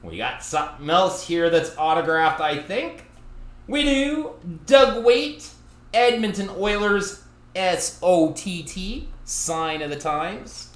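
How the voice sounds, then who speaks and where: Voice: medium pitch, expressive, takes it slowly. A card break host, chatting through a live box break and teasing viewers by name from a card shop. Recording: roomy echo.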